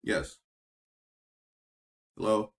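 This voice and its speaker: A man hosts a casual cooking livestream from his home kitchen, rambling and chatting with viewers as he cooks, and he draws his words out. His voice sounds tinny, like a tin can, because it comes through the built-in mic of a gaming laptop. That mic sits at a distance and picks up faint noise.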